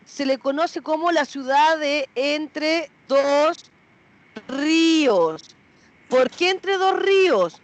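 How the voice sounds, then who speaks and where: Slow, high-voiced woman teacher. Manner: slow, repeats students' answers and checks with "¿cierto?". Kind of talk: online class, questioning students.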